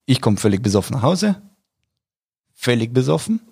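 A man's voice: mid-range voice, big pitch swings, normal speed, vocal fry, darkish tone, husky. A young man telling a funny story in casual chat among friends, laughing often and restarting his sentences.

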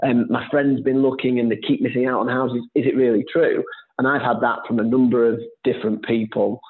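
A man guesting on a podcast talks about his work as an estate agent. He rambles in a chatty way at a middle pitch. His voice comes through a narrow, tinny, phone-like line. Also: flat delivery, brisk. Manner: chatty, rambling, with frequent fillers and restarts. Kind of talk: casual podcast conversation. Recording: phone-like remote call audio.

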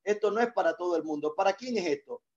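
A man's voice: sits high, quick pace, a little mellow. Guy pastor preaching, repeats stuff for emphasis, kinda muffled audio. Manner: emphatic, repeats key phrases. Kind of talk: sermon with call-and-response.

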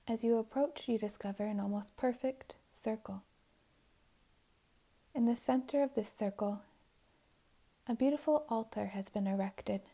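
A woman guiding a meditation in a soft, soothing voice, often drifting into whispers. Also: a little high, measured pace, long pauses. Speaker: meditation guide. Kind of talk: guided meditation narration.

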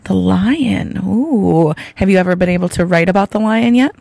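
A woman with a raspy, gravelly voice, hoarse from laryngitis, hosting a podcast and gently prompting young guests with simple, encouraging questions. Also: mid-range voice, normal speed, no echo. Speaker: podcast host, school teacher or librarian. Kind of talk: friendly podcast interview with children.

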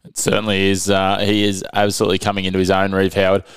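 Fast, deep, smooth Australian man. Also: completely flat delivery, dry recording. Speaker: rugby league podcast co-host. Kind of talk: casual sports commentary chat.

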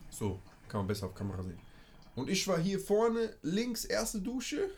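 A man's voice: high voice, huge pitch swings, moderate pace. A young man, casually telling a story in a podcast chat and peppering it with street slang.

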